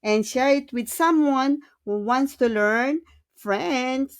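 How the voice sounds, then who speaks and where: A woman teaching French grammar, speaking model phrases slowly and clearly, mixing English and with polite "po". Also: high voice. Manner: slow, model phrases spoken clearly for repetition. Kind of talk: online French grammar lesson.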